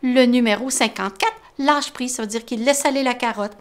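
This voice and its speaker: A woman's voice: a little high, a little fast. A woman, a library storyteller reading a children's story aloud and explaining words simply to the children.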